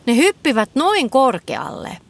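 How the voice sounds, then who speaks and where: A woman voicing a cheerful, excitable little girl in a children's story. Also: high-pitched, gravelly, pitched above the performer's own voice, full character voice. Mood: excited. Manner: bright, eager, squealing delight.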